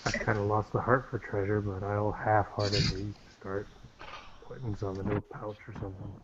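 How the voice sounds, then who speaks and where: A man's voice: lowish voice, level tone, moderate pace, muffled recording, crowd noise. Wry man playing a tabletop game. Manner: wry, joking, swears casually. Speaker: player. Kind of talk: casual tabletop game play.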